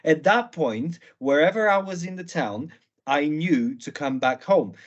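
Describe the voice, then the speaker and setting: A man in his late twenties from Bulgaria, interviewing an author in a relaxed, halting way with many fillers. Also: on the high side, dull audio. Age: late 20s. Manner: hesitant, many fillers and restarts. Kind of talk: conversational interview.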